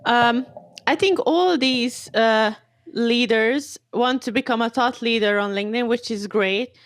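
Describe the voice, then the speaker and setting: A woman's voice: a little high, a little slow, dry recording. A woman in her twenties from Serbia, a guest on a podcast, talking eagerly and chattily. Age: 20s. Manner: eager, chatty, laughs easily. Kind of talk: casual interview.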